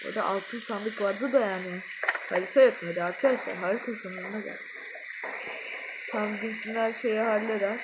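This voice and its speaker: A woman giving let's-play commentary, jumpy, swinging from muttering to panicked yelling, with playful sing-song chanting. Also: medium pitch, normal speed, noisy background. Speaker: gamer.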